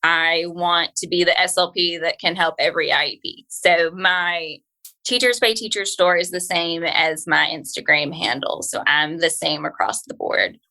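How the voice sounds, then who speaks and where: A woman's voice: on the low side, normal speed, bright, forceful tone, rough recording. A woman speaking as an interview guest on a podcast, in an informal, earnest and encouraging way. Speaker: podcast guest, school speech-language pathologist. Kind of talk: conversational interview.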